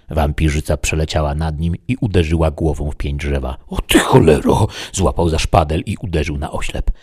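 Very deep husky male storyteller. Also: no echo, clean studio sound. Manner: steady, dramatic reading. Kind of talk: scripted horror story narration.

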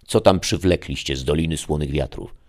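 Guy playing a grumpy old-school clan dad yelling at his lazy sons, deep and gravelly. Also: brisk. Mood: scolding. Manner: loud, scolding. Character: gruff middle-aged clan father, bellowing.

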